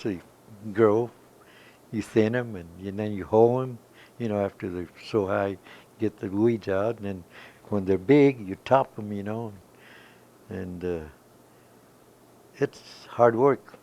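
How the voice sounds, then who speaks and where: Older male veteran, gravelly and low, rambling emphatic storyteller. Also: slow, pauses often, dark tone, dull audio. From Kansas. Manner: rambling, emphatic storytelling with many "you know". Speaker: veteran interviewee. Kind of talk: oral history recollection.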